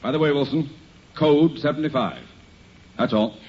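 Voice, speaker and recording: A man's voice: a little high, moderate pace, darkish tone, close to an everyday voice. Guy as exasperated american mayor, dry sarcasm, official air, old muffled 1950s radio comedy with hiss. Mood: officious.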